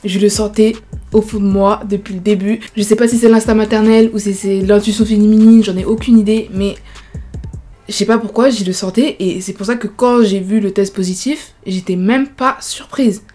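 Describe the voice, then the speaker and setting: This woman in her early twenties, a YouTuber, narrates a chatty storytime vlog at a normal speed, her medium-pitched voice steady and mellow. She uses many fillers like "genre" and "voilà," with faint music in the background.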